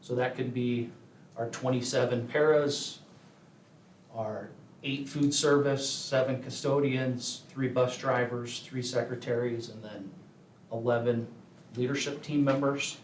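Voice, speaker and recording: A man gives a measured meeting report to a school board, with frequent filler pauses. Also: medium pitch, steady tone, a little hiss or hum. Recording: echoey meeting room, voice from far off.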